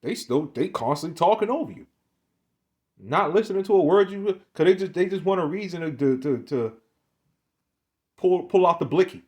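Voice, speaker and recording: A man's voice: high-pitched, lively intonation, normal speed, long pauses, a little mellow. A man in his twenties giving a casual, rambling monologue, often stammering and repeating words, with street slang. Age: 20s. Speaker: online commentator.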